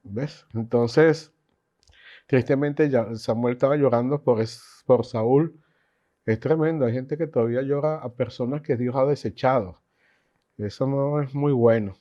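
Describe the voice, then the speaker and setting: A man teaching a Bible class in an animated, chatty way, with asides. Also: medium pitch, measured pace. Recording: dull lo-fi recording.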